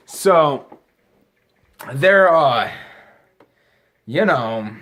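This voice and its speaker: This time the amateur film critic sounds fairly high-pitched and a little slow, still lively in intonation and fairly bright in tone. Growing more drunk, he wanders through his review, drops his train of thought, starts sentences over and leans on crude, slangy profanity.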